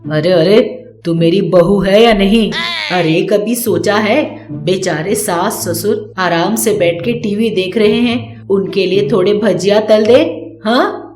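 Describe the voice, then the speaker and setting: Lady putting on a bossy shrieky mother-in-law, nags and yells, echoey with soft music. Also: mid-range voice, slow, lightly acted. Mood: scolding. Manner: scolding, shouting, wailing theatrically. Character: nagging, bossy middle-aged mother-in-law, shrill. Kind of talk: storybook narration with acted voices. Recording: roomy echo, faint background music.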